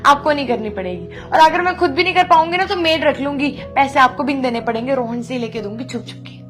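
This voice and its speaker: A woman's voice: sits high, fast talker, a bit bright. An actress playing a young woman, a model, who pleads and apologizes at length to her elder sister-in-law in a chatty, wheedling way. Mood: pleading, apologetic. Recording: background score music.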